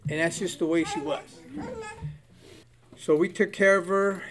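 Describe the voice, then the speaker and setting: An older man tells his recovery story in a blunt, profane way, swearing freely and laughing at his own past. His voice sits a little high for a man. He talks like a plain-spoken man sharing hard-won lessons. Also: steady tone, measured pace, crowd noise. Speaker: recovery speaker. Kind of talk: candid personal testimony.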